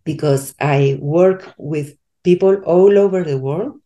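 Spanish-accented woman coach, slow and halting, warm mellow tone, casual interview guest. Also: deep voice. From Spain. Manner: halting, searches for English words, many restarts.

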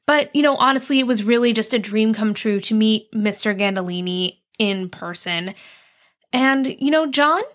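Higher-voiced woman co-hosting a comic podcast. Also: moderate pace, a bit bright. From New Jersey, United States. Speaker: podcast co-host. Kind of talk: scripted comic podcast banter.

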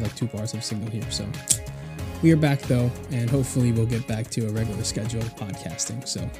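A young man hosting a podcast in casual, chatty talk, recorded in an echoey apartment room. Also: mid-range voice. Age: young adult. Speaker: podcast host. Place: echoey room in a new apartment, makeshift studio. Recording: echoey room, music behind.

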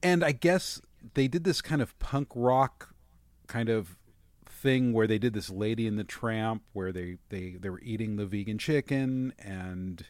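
A man's voice: on the low side, measured pace, a little mellow, no echo, studio quality. A man hosting a casual podcast, talking in a wry, easygoing way with some hesitation. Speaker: podcast host.

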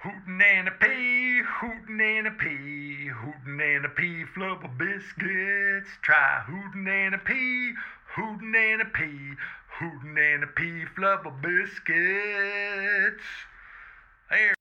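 A man's voice: sits high, slow pace, sharp tone, clear, resonant tone, pitched above the performer's own voice, exaggerated voice. A man voicing a folksy, old-fashioned biscuit company owner with a blustery salesman manner, heard through a phone speaker. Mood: singing jingle. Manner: blustery salesman, old-timey rural talk. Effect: heard over a phone speaker. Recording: muffled phone speaker sound.

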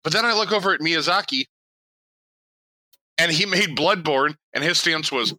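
A young man co-hosting a podcast in casual chat, animated and laughing, with quick swearing asides. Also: fairly high pitch, no room sound, poor audio. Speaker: podcast co-host.

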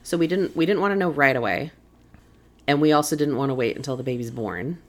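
A young woman co-hosting a podcast in casual chat, relaxed and laughing often. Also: deep voice, quick pace. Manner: relaxed, laughs often, soft murmured agreements. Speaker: podcast co-host.

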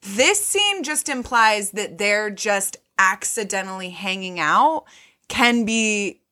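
Bright-voiced woman chatting casually. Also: medium pitch, animated, takes it slowly. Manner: chatty and loose, full of "like", swears freely. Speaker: podcast co-host. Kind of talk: casual chat recapping a movie.

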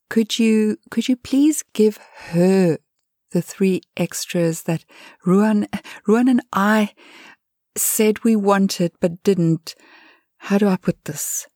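A woman's voice: medium pitch, dark tone, dry recording, clean studio sound, pitched above the performer's own voice. A woman voicing an earnest woman writer who pleads heartfelt with storks in a storybook reading.

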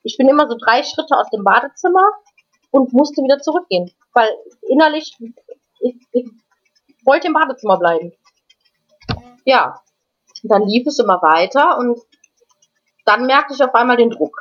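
An interview guest, a woman with a slightly high voice, recounts a personal experience in casual, unscripted, animated talk. She speaks haltingly, often stopping to restart and repeat words before going on. The lo-fi recording sounds slightly dull and muffled.

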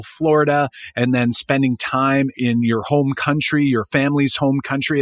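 A man's voice: mid-range voice, dry recording, clean studio sound. A man hosting a podcast, asking his guests upbeat, curious questions. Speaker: podcast host. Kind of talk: podcast interview.

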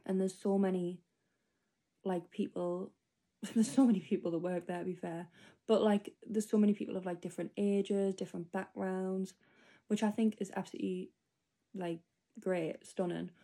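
A woman's voice: medium pitch, fairly even intonation, moderate pace, pauses often, dark tone. A 25-year-old woman rambling through a spoken diary entry, casual and full of fillers. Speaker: podcast host.

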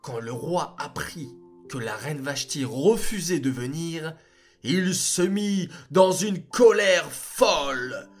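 A man narrating a story for children in an expressive way, speaking to them directly. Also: a little high, takes it slowly, soft background music. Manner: animated and expressive.

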